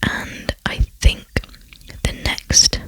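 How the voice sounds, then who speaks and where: Bright, airy whispering gameplay chatter. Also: drawn-out words, rough recording. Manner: soft rambling chatty whisper with fillers; self-deprecating, lightly giggly asides. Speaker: ASMR gaming channel host. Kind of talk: whispered ASMR gameplay commentary.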